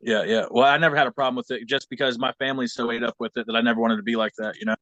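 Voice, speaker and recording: A man's voice: mid-range voice, fairly even intonation, very fast, fairly bright tone, dry recording, poor audio. A man taking a singing lesson, who stammers and repeats words and swears freely in casual talk. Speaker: voice student.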